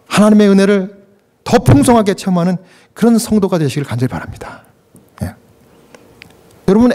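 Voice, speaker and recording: A male pastor preaching a sermon, talking to the congregation in a conversational, emotional way and often putting questions to them. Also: warm tone. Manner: emotional preaching with sudden pitch leaps and acted quotes.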